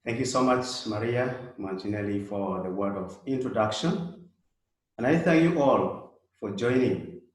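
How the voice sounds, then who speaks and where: A man's voice: on the low side, lively intonation, measured pace. Reflective man in an echoey room. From South Sudan. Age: 30s. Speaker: guest speaker, Jesuit. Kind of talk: prepared talk.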